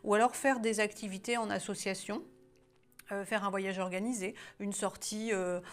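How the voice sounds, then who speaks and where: A woman's voice: medium pitch, fairly even intonation, moderate pace, faint music behind. Chatty French-speaking woman reading tarot. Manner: hesitant, many fillers and restarts, chatty. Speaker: tarot card reader. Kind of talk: casual spiritual guidance reading.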